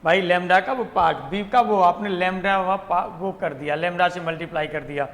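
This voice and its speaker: A man's voice: high-pitched, fairly quick, fairly bright tone, big-room sound. A man teaching a math lesson. He mixes with English terms, repeats key words and asks questions he answers himself. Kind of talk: classroom lecture.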